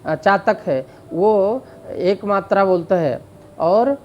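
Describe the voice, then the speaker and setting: A man teaching Sanskrit grammar in a slow explanatory lecture, drawing out vowel sounds to demonstrate them, with frequent fillers. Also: sits high, animated, highs cut off, slight background noise. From India.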